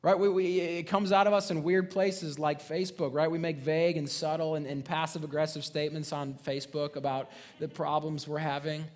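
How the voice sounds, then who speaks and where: Conversational pastor, lively sermon voice. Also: male voice, fairly high pitch, a little fast, few pauses. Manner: conversational, frequent "right?" tags and restarts; animated, acts out voices of people in the story.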